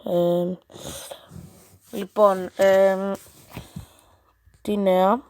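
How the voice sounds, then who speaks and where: A woman's voice: mid-range voice, level tone, darkish tone, no echo. A female gaming channel host chatting casually and reading out a chatbot's replies, with playful, teasing, exasperated asides.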